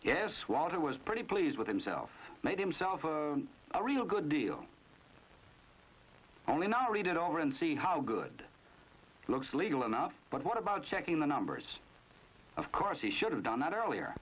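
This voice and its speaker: This is an American man narrating a 1950s crime training film, heavily acted, with a voice on the high side, fairly bright and slightly rough. Big pitch swings mark his normal-speed, knowing, dramatic storytelling, wry and measured in mood. The audio is a dull, band-limited 1950s film soundtrack.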